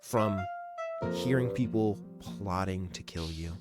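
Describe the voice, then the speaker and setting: A man's voice: low voice, takes it slowly. A man giving casual, enthusiastic game review commentary, swearing now and then. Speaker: gaming commentator. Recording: voice-over with clear background music.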